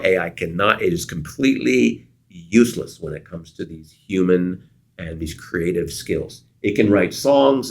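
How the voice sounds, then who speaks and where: A middle-aged man with a very low voice, speaking as an interview guest. He tells stories from his working life and animates them by acting out what people said. Originally from Canada, he talks in a conversational, engaged way. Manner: animated storyteller, acts out quoted dialogue. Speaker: guest consultant. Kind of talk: storytelling interview answers.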